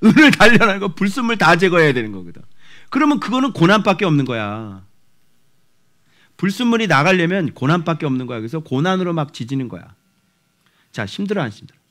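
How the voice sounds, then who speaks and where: A male pastor in his forties giving an expository sermon in a church, animated and acting out voices with shouts. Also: fairly high pitch, quick pace.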